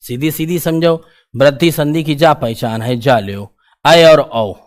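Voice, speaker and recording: Colloquial Hindi exam-prep teacher, higher voice. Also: male voice, measured pace. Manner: explains in a casual, colloquial style, asks questions and repeats the answers. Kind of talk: exam-prep grammar lesson.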